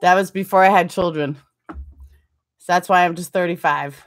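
A woman's voice: fairly low pitch, fairly even intonation, moderate pace, faint music behind. Chatty woman in her forties streaming live. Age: 40s. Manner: chatty and self-mocking, laughs often. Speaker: livestream host. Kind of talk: casual live-stream chat, reading viewer comments. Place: small indoor room with curtains behind.

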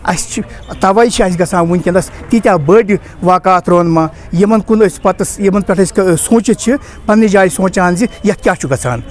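A middle-aged man giving a thoughtful, halting street interview outdoors into handheld news mics. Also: sits high. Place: outdoors by a building.

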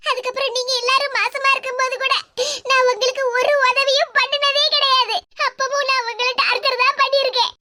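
A woman voicing a remorseful pregnant young woman in an animated cartoon comedy, speaking with a Kanyakumari Tamil accent in a high, squeaky cartoon voice. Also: noisy background.

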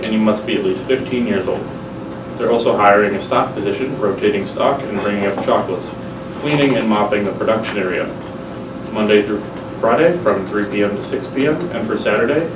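A man reads the daily school announcements in a steady, plain delivery. His lowish voice comes through a public-address loudspeaker, sounding distant and echoey. A clear hum of noise runs underneath. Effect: heard through a school loudspeaker.

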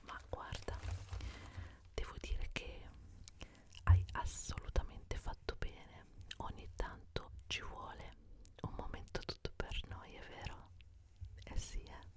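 Woman acting as gentle female beautician, whispered role-play, breathy whisper, unhurried, reassuring, close microphone. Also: close to an everyday voice. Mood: soothing, attentive. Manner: soothing, slow, reassuring, fond diminutives. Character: gentle, attentive female beautician pampering a client. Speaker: ASMR performer. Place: indoors at a desk, close up. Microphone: desktop condenser microphone with foam cover, very close.

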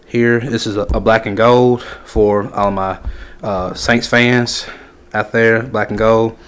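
A man's voice: on the low side, steady tone, slow, fairly bright tone, smooth. A man casually showing his homemade fishing lures at a workbench, talking in a rambling way with lots of ums and restarts. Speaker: fishing lure maker showing his baits. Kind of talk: casual how-to vlog. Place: workbench in a workshop.

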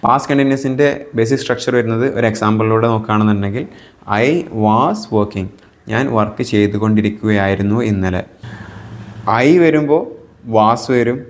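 A man with a Malayali accent teaching English tenses, explaining each rule and then repeating example sentences slowly and patiently. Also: on the low side. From Kerala.

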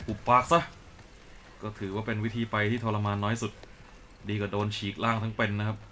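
A man doing let's play commentary, dubbing the characters live while swearing and joking excitably. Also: fairly low pitch, brisk, slight background noise. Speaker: game commentator. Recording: game sounds behind.

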